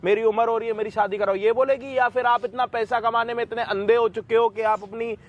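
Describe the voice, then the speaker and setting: A man's voice: extremely high pitch, steady tone, brisk, dull audio. A man hosting a staged social experiment video, questioning people insistently and probingly in a park. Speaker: YouTube host intervening. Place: outdoors in a park.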